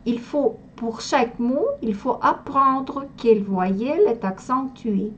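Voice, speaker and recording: A woman's voice: a little high, slow, muffled recording, slight background noise. A woman from Russia with a Russian accent, teaching a language lesson and carefully pronouncing sounds one by one. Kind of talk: slow spoken language lesson.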